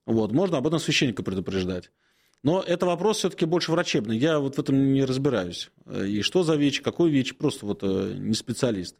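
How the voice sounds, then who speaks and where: On a call-in advice program, a forties-aged Orthodox priest responds to questions in an expressive, gravelly voice of ordinary pitch. His delivery is slow and full of hesitant pauses, and his advice is gentle.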